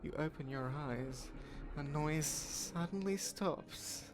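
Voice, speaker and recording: A man's voice: fairly high pitch, takes it slowly, music in the background. A man reading scripted second-person narration for a story game in a dramatic storytelling manner.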